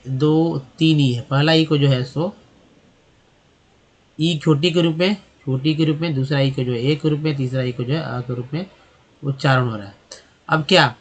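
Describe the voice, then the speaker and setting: A man teaching English pronunciation, spelling words out letter by letter and asking and answering his own questions. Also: a little high. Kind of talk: explaining pronunciation.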